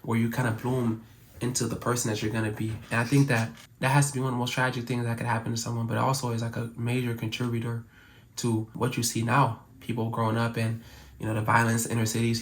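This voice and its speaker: A young man from Cameroon whose first language is French, talking earnestly to camera in a casual, reflective way. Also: mid-range voice. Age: young adult. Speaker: YouTuber.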